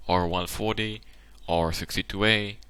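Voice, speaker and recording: A man's voice: low-pitched, fairly even intonation, a little slow, pushed and bright, clear, resonant tone. A man hosting his channel, giving casual tactical commentary on a game replay. He explains the options at length and thinks aloud, and his voice sounds tired and worn out.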